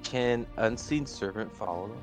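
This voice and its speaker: A man's voice: on the low side, normal speed, faint music behind, rough recording. A man playing a tabletop game, casually suggesting moves and asking the game master questions.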